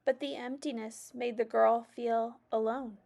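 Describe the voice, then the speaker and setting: Reading a children's picture book with expressive storytelling, this woman has a fairly high, creaky voice and goes a little slowly.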